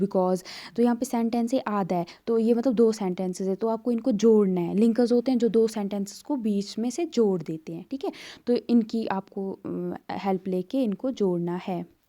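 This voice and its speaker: A woman's voice: medium pitch, mellow. A woman tutor walks through an exam paper in a conversational way, explaining step by step with many fillers.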